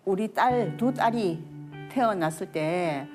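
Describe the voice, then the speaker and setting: A woman's voice: mid-range voice, lively intonation, slow, darkish tone, faint music behind. A middle-aged woman talking about her own life as a guest in an interview. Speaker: interview guest, maternity nurse. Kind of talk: personal interview talk.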